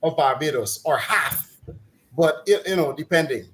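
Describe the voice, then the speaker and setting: A talk-program commentator, a middle-aged man with a Guyanese accent, rants casually in mocking exasperation and laughs now and then while giving his opinions. His voice is a little high, animated and a bit bright at a moderate pace, and the poor audio carries some hiss or hum.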